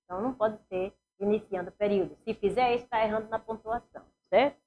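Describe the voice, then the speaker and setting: A woman's voice: medium pitch, fast talker, darkish tone, slight background noise. A woman with a Northeastern Brazilian accent teaching a grammar lesson for exam preparation, asking the class questions and answering them herself.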